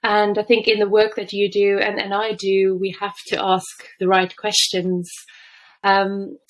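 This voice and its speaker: A woman hosts a podcast and leads the talk with questions. She praises her guest effusively, speaks at a middle pitch, and fills pauses with "um" and "you know". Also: completely flat delivery, rough recording. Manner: effusive, warm praise with fillers. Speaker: podcast host.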